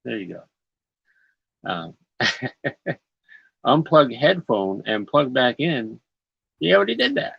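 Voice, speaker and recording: A man hosting a casual online chat, animated and quick to laugh. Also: medium pitch, creaky, husky, no room sound. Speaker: host. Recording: dull lo-fi call audio.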